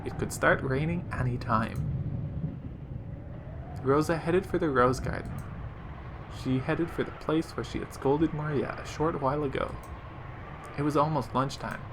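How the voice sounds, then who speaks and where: A man reads a visual novel aloud at a steady, even storytelling pace. His voice sits on the high side for a man, with a faint hiss under the recording. The delivery is plain and unhurried. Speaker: let's play narrator.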